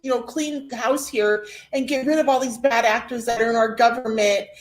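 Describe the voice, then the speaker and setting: High-voiced rambling woman, roomy sound. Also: fairly even intonation, normal speed. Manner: rambling, filler-heavy. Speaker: podcast co-host. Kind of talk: casual chat. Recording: roomy echo.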